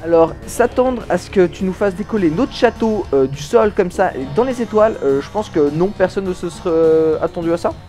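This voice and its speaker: A man's voice: high voice, expressive, fairly quick, few pauses, dark tone. A man giving chatty, self-mocking let's play commentary, stumbling over his words and restarting. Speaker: gaming YouTuber. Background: faint game music.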